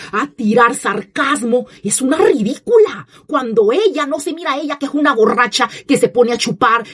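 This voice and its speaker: Woman commentator, high and husky, scornful, emphatic rant. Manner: indignant, scornful, emphatic repetition. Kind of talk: opinion monologue.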